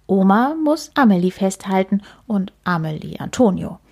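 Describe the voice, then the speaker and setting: A woman gently narrating a children's storybook, often near a whisper. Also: mid-range voice, big pitch swings, normal speed, gravelly, breathy edge.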